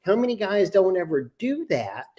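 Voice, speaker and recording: A man's voice: high voice, very animated, moderate pace, warm tone. A man hosting a casual podcast chat, explaining points with rhetorical questions. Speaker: host.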